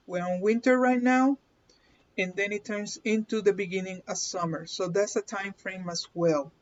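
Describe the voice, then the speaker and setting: A Puerto Rican-accented woman with a medium-pitched voice hosts a chatty live card reading, laughing often and regularly asking her viewers "okay?" The stream audio is dull and lo-fi with a slight hiss or hum.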